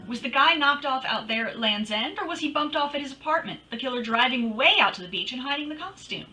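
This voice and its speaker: Wisecracking lady private eye woman acting, bright and really animated, radio play, bit distant from the mic. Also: high-pitched, fast, faint music behind. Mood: wry. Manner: wry, snappy. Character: wisecracking, sassy female private detective. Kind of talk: old-time radio detective drama, first-person narration.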